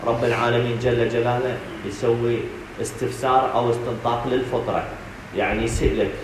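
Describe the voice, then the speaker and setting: A man's voice: mid-range voice, level tone, a little fast, background noise. A man with an Iraqi Arabic accent, director of a counselling centre, giving a religious talk to an audience, asking rhetorical questions and addressing listeners directly. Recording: echoey room recording.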